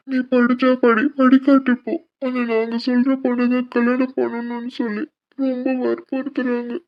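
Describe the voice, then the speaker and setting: A woman voicing a desperate young man in love in a cartoon, pleading and pressuring in a lowered voice. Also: highs cut off, natural voice.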